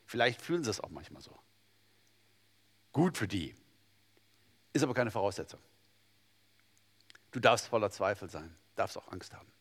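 A man preaching a sermon to his congregation, swinging between loud, emphatic bursts and quiet, hushed passages. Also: on the low side, big pitch swings, moderate pace, long pauses, slightly rough. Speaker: pastor. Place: church hall. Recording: long hall reverb.

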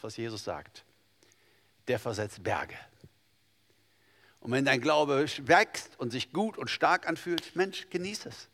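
A male pastor delivers a lively sermon, rising to loud emphatic peaks and then dropping to near-hushed intimacy. His voice sits at an ordinary middle pitch. A long reverb trails his words around a church hall.

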